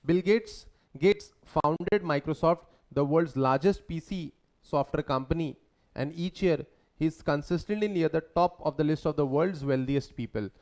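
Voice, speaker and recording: A man's voice: a little high, drawn-out words, darkish tone. A man teaching a lecture in a conversational way, often quizzing his students with questions. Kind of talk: lecture mixing Hindi and English.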